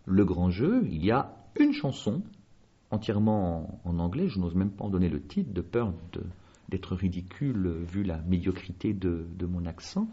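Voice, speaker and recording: A man hosting a radio interview, asking questions with animated emphasis. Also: low voice, moderate pace, husky, dull audio. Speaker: radio host.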